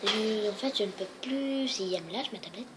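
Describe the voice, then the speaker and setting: Hushed woman vlogging into a tablet. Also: a little fast. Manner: speaks in a hushed low voice, often whispering; rambling, with many fillers and restarts. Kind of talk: casual vlog about her cat. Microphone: tablet's built-in mic. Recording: tablet recording with clear background noise.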